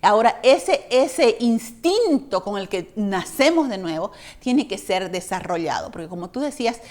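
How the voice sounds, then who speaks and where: A woman's voice: medium pitch, sing-song, normal speed, darkish tone. A woman co-teaching a church Bible study in a conversational way, often checking in with rhetorical questions.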